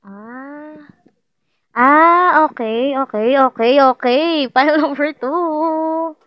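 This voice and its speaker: Woman, casual tarot reader, playful, repetitive, higher voice. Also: drawn-out words, no echo, highs cut off. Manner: chatty, playful, repeats herself, laughs often. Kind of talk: casual tarot reading to viewers.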